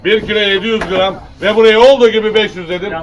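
Male fish auctioneer, high voice, repetitive price calling, recorded at a distance. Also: fairly even intonation, fast talker, dull audio. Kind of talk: auctioneer calling lots and bids. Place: busy fish auction hall. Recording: distant mic amid crowd chatter. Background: crowd of buyers.

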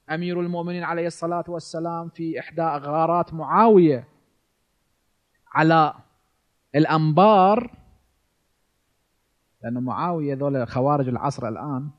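A man in his forties from Iraq, speaking with an Iraqi Arabic accent, delivers a religious lecture as a cleric, posing rhetorical questions and answering them himself. His voice is fairly high-pitched, and the audio sounds dull.

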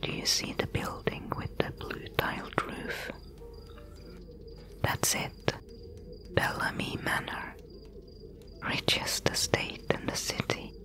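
A woman voicing a wry, bossy thief mentor in a breathy, hushed whispered role-play, giving instructions. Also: slow, long pauses, close to an everyday voice. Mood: hushed, businesslike.

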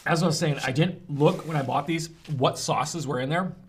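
Against slight background noise, a man with a somewhat high voice talks at a moderate pace while vlogging a review of spicy chicken bites. The heat of the hot sauce has him animated, groaning and gasping as he eats.

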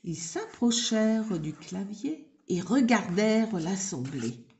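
A woman reading a children's story aloud in a gentle, unhurried way. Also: mid-range voice, very animated, a little hiss or hum.

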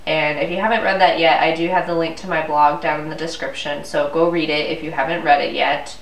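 Stuffy and congested from a cold, a young woman vlogger rants casually and with exasperation to her camera in her living room. Her voice is low-pitched, steady and fairly quick, with a little hiss or hum. The camera mic sits a few feet away, giving the audio a roomy, distant sound.

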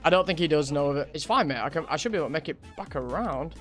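A young man playing a horror game with a friend, loud and excitable, laughing often and calling his friend mate. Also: fairly high pitch, very fast, soft background music. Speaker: gaming streamer. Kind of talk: excited gameplay chat.

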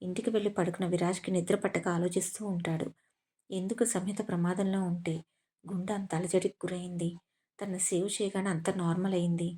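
A woman storyteller giving a steady, scripted narration of an audio drama story. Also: fairly low pitch, fairly quick.

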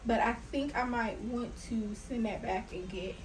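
A young woman, chatting excitedly to her viewers as she shows off her clothing haul. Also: on the high side, unhurried, slight background noise, rough recording. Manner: chatty, hyped, talks straight to viewers. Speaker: fashion vlogger. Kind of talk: casual haul vlog.

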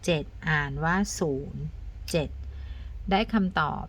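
A woman teacher talking students through arithmetic step by step, counting aloud and adding soft polite particles. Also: low voice, a little slow. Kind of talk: step-by-step math lesson.

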